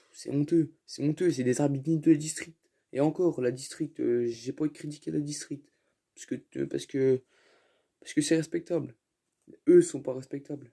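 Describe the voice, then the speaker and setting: Homme exaspéré à la voix rauque. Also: male voice, mid-range voice, gravelly, dark tone. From France. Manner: repetitive, exasperated, swearing. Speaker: football fan vlogger. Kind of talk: angry rant to camera.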